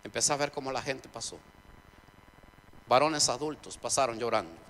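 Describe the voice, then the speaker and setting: A man preaching a sermon testimony in a church, telling his story dramatically, swinging between loud preaching and quiet narration. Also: mid-range voice, moderate pace. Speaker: pastor. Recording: church hall reverb, faint noise.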